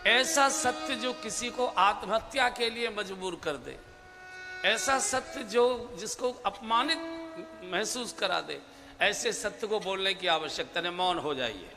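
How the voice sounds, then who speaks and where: A man giving a devotional scripture discourse as a spiritual preacher, measured and emphatic, drawing out key phrases. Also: high-pitched. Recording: long hall reverb with instrumental music behind.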